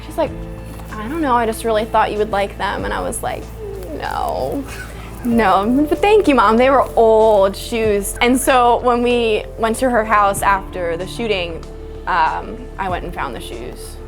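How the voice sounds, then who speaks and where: A young woman speaks quietly in a documentary interview, her phrases halting and full of fillers. A clear music bed plays beneath her voice. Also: medium pitch. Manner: soft, halting, frequent "like". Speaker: interviewee, daughter of a victim.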